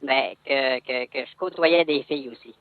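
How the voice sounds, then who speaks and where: A man's voice: mid-range voice, creaky, dry recording. A man calling in to a radio show with his voice disguised by a voice changer, speaking hesitantly. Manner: hesitant, halting. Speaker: caller. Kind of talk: anonymous confession call. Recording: phone line.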